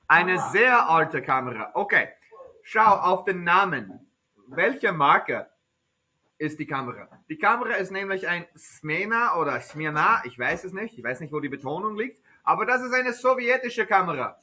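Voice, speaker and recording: A man who is not a native speaker of German teaches a beginner high-school class in a classroom, asking simple questions again and again and answering them himself. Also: very animated, normal speed, bright, forceful tone, breathy edge. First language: English. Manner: simple repeated questions to students, self-answering.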